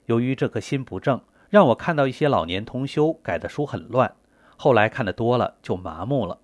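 A man reading a prepared text aloud in a measured, earnest way. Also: medium pitch, lively intonation, no room sound.

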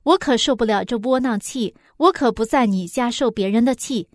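A woman's voice: fairly high pitch, normal speed, dry recording, close to an everyday voice. A woman reading the lines of a blunt, exasperated daughter-in-law in a story, with dry sound. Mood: annoyed. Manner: scolding, blunt.

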